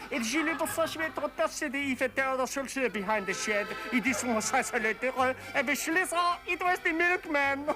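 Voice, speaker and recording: A giggly put-on French joke-teller, mock French babble, music behind. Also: male voice, very high voice. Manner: giggly, fawning, mixes mock French and English. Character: jolly Frenchman telling a joke.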